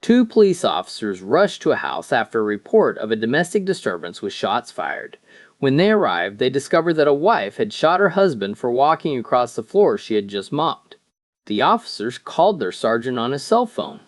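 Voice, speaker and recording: A man tells scripted jokes in an animated storytelling style, acting out the dialogue. His pitch moves around a lot, and the sound is dry and close with little room on it. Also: moderate pace, no room sound. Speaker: joke teller. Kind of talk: scripted joke narration.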